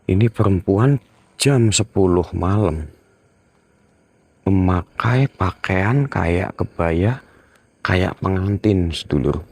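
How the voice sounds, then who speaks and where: A man filming a night ghost-hunt vlog outdoors, talking to his viewers in a hushed, tense voice and often murmuring prayers. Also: sits low, expressive, takes it slowly, pauses often. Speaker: ghost-hunting vlogger.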